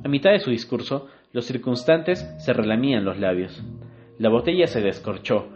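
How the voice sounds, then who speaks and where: A man narrating a literary short story in a measured, expressive reading. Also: medium pitch. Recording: dull lo-fi recording. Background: faint guitar music.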